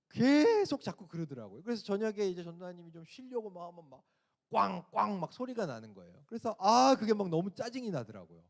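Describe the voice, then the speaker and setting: A man's voice: high-pitched, darkish tone. A man, an assistant pastor, giving a sermon to a teen youth group, telling a personal story and asking the listeners questions.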